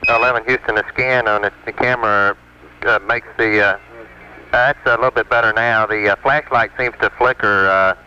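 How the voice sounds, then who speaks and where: A man's voice: on the low side, fairly even intonation, moderate pace, pushed and bright. An American man at mission control, speaking in clipped radio procedure over a space radio link. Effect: space radio transmission. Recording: noisy, dull 1960s space radio with clicks.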